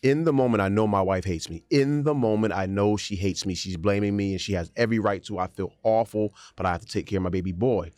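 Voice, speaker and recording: A podcast co-host with a lowish voice talks fast and barely pauses, and the recording is dry. In a casual chat he tells a story with animated energy, acting out the quotes and sound effects himself.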